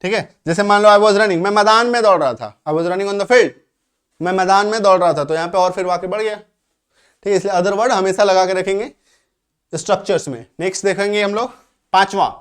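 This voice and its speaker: A man from India teaching English grammar, explaining step by step, slowing down for example sentences and often checking that students follow. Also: sits high, fairly bright tone, clean tone. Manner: slows right down when reading out English examples. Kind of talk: grammar lesson.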